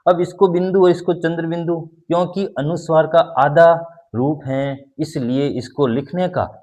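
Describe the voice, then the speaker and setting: A man's voice: on the high side, steady tone, moderate pace, a little mellow. A man teaching a grammar lesson, explaining step by step and repeating key points while he demonstrates sounds.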